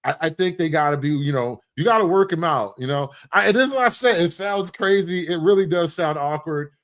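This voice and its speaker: A man hosts a livestream, tossing out casual satirical commentary in a lively, profane, mock-excited manner and repeating lines to drive them home. He talks briskly with a fairly high pitch.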